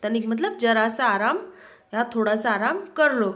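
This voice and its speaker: A woman's voice: a little high, animated, normal speed, fairly bright tone. A woman teacher explaining a story lesson to a class, retelling each line and patiently explaining word meanings. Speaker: school teacher.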